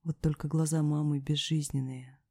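A woman narrating a dramatic first-person audiobook with emotional delivery that moves between hushed whispers and anguished cries. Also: deep voice, little pitch movement, normal speed, husky, no echo, studio quality.

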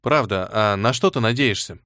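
A man's voice: fairly low pitch, moderate pace, bright, forceful tone, no echo, clean studio sound. A man reading an audiobook and voicing a cautious teenage girl who asks probing questions. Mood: wary.

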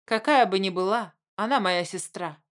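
Woman narrator, measured audiobook reading, mid-pitched. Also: fairly bright tone. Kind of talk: scripted narration.

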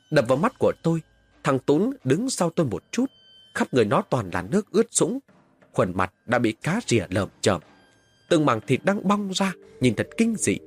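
A man's voice: medium pitch, breathy edge, no room sound. A man narrating a first-person horror story with dramatic, tense delivery. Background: faint music.

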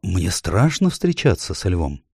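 A man's voice: low voice, big pitch swings, a little slow, creaky, a little mellow, breathy edge, dry recording, clean studio sound, full character voice. A man voicing a timid girl in an audiobook, speaking hesitantly and fearfully. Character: timid girl, older sister. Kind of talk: audiobook character voice.

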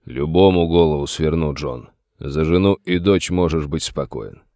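Man reading a calm, firm sheriff. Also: rumbling low, normal speed, dry recording, studio quality. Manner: gentle but firm. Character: steady middle-aged male sheriff, calm and firm.

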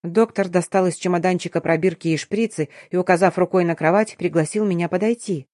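A woman reading a first-person audiobook in a measured, even storytelling manner. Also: lowish voice, no room sound, studio quality. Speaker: audiobook narrator.

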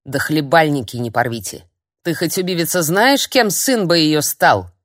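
A woman reading an audiobook, voicing a cantankerous, half-blind old hag who scolds and jeers in a high, strained voice. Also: lively intonation, dry recording, clean studio sound. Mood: scornful. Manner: shrill, scolding, drawn-out jeers.

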